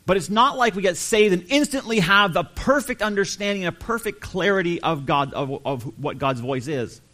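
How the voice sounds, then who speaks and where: A man preaching a sermon, earnest and emphatic, slowing down to stress key phrases. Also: high-pitched, expressive, bright, forceful tone. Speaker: pastor.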